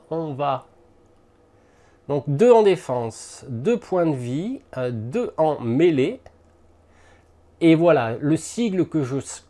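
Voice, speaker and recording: Gravelly-voiced man unboxing miniatures. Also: on the high side, mellow. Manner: hesitant, thinking aloud with many fillers. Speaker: miniatures hobby channel host. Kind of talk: casual unboxing talk to camera.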